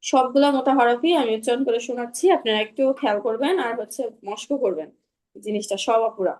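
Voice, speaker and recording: A woman teaching Arabic letter pronunciation in an online class, patiently repeating each sound slowly for her students. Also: fairly high pitch, a little mellow, low-quality recording. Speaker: Quran recitation teacher.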